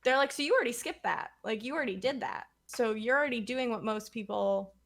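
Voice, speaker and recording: Guesting on a streaming talk show, a woman rambles through casual podcast chat, filling it with lots of likes and ums. Her voice is a little high and a bit bright, and she speaks briskly.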